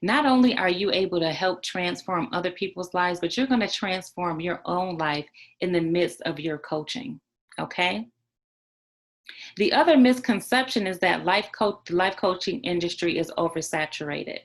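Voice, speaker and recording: A woman's voice: fairly low pitch, moderate pace. A woman giving an online training on life coaching, emphatic, repeating key points and checking in with "right?" and "okay?".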